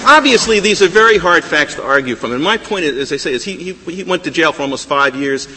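A man arguing a case before a high court, insistent and argumentative, often stumbling and repeating words. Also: expressive, quick pace, pushed and bright. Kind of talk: appellate oral argument. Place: large courtroom. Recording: courtroom with long reverb.

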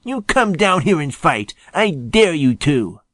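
A man's voice: on the high side, sing-song, unhurried, a bit bright, dry recording, pitched above the performer's own voice, heavily acted. Man voicing a snappish angry skunk. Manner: snapping, accusing. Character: angry grudging male skunk.

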